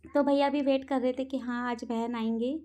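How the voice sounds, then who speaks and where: A middle-aged woman with a slightly hoarse, sore throat, narrating her family vlog in a chatty, rambling way with many fillers. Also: high-pitched, fairly even intonation, moderate pace, dark tone. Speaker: vlogger. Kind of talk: casual voice-over narration.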